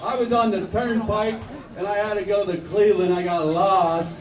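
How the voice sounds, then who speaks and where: Boisterous old puppet comedian played by a man, high-pitched folksy joker, live in an echoey room. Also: fairly even intonation, normal speed, close to an everyday voice. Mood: wisecracking. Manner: folksy, wisecracking, silly exclamations. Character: bald, armless old football-fan puppet named Pappy, boisterous joker. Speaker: puppet stand-up entertainer. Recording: echoey noisy crowd hall, distant microphone.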